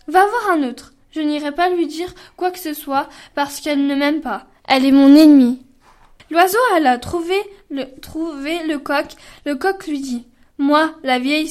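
A woman, a student reader, reading a folk tale aloud with an expressive voice. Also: high-pitched.

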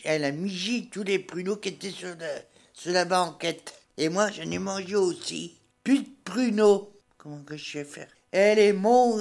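In a radio studio, an older woman from rural Burgundy in France works as a columnist, sharing folksy village anecdotes in local dialect. She speaks in a medium pitch with a halting, plain-spoken manner.

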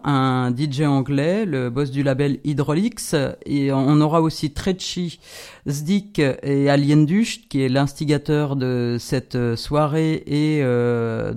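A woman's voice: very deep voice, warm tone. A woman presenting upcoming concerts on a radio show, in a playful chat full of hesitant fillers. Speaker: concert programmer on a radio guest spot. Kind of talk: casual radio chat announcing events.

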